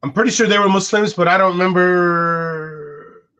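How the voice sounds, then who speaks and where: His voice sits high, clear and resonant with a sharp tone, at a normal speed. He is a podcast co-host in his forties whose first language is Arabic, musing casually and often restarting. Audio quality is dull and lo-fi.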